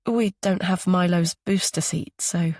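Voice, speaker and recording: A woman reading the part of a young mother, polite but guarded, quick to soften what she says. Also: fairly low pitch, dry recording, clean studio sound.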